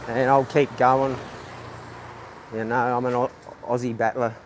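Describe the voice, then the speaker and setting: Casting note: a man streaming from a street market on his phone, halting, chatty, mid-pitched, faint street noise behind. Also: little pitch movement. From New Zealand. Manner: rambling, halting, with many restarts. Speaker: livestreaming vlogger. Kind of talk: casual live-stream chat. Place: outdoors at a night market.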